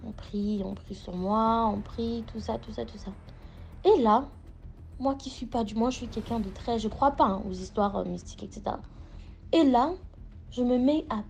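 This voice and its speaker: A woman's voice: fairly high pitch, vocal fry, a little mellow. A young adult woman telling a personal story in a casual, rambling way, full of fillers and restarts. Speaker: storyteller sharing a personal experience.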